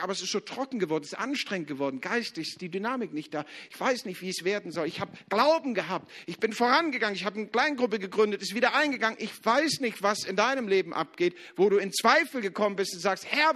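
A man preaching a sermon at a church service, passionate, swinging between loud urging and quiet lowered tones, acting out biblical scenes with casual asides. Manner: acts out biblical dialogue with colloquial asides. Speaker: guest preacher.

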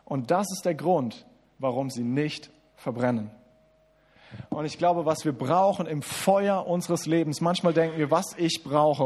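A man delivering a sermon in German with a voice pitched a little high for a man. He speaks right to his listeners, full of restarts and fillers, rushing through asides and then slowing down hard on key lines. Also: a little mellow. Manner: addresses listeners directly as du, with many restarts and fillers; swings between quick asides and slow, emphatic lines. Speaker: preacher.

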